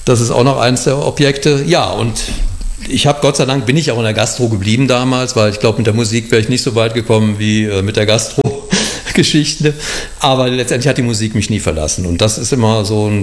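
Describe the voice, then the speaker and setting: A middle-aged man from Cologne telling his life story in an interview, rambling with many fillers and restarts. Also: mid-range voice. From Cologne, Germany. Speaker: guest, bar owner and musician.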